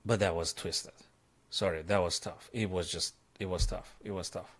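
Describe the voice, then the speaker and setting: A man working as a chess coach, solving puzzles live on a stream. He thinks aloud, breaks into excited exclamations and repeats himself as he talks. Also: deep voice, normal speed, slightly rough.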